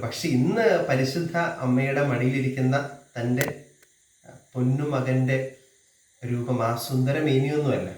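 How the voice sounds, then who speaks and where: Slow, gentle-voiced man preaching in an echoey space. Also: medium pitch. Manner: slow, gentle devotional address. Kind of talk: devotional sermon with sung hymn. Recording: echoey, distant, with music behind.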